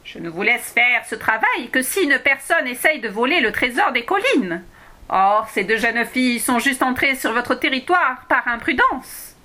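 A woman's voice: a little high, lively intonation, moderate pace, bright, forceful tone, pitched above the performer's own voice. A woman voicing a stern, commanding old woman who rules over goblins, in a read-aloud storybook.

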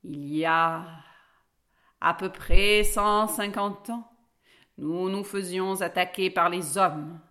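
A woman voicing a huge, friendly red dragon with a deep, calm voice. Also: takes it slowly.

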